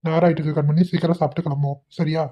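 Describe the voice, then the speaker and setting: A young cartoon husband with a deep, low voice, put on by a woman, snapping out quick, curt lines. He is blunt and short-tempered, and he scolds more than he talks. The sound is a little dull and lo-fi. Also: little pitch movement. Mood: irritated.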